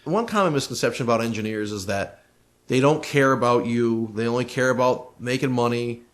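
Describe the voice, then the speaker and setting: A medium-pitched man talks briskly as co-host of a podcast. He's a recording engineer, and in casual conversation he gives emphatic, opinionated advice.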